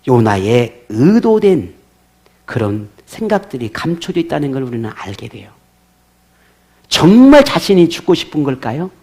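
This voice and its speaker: A man's voice: on the high side, darkish tone. A male pastor preaching a sermon, asking his congregation rhetorical questions.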